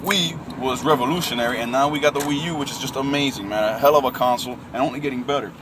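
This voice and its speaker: A man's voice: medium pitch, fast talker. A man in his late twenties ranting casually about gaming, calling everyone man and bro, with a lot of fillers. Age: late 20s. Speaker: gaming vlogger. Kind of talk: casual rant to camera. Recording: distant mic with loud traffic and air conditioning. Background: vehicle and urban noise.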